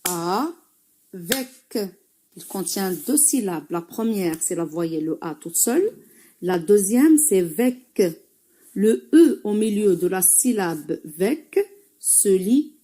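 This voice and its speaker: A woman teacher with a Moroccan accent giving a French reading lesson, spelling out sounds slowly and carefully, syllable by syllable. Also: medium pitch, dark tone. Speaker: primary school teacher.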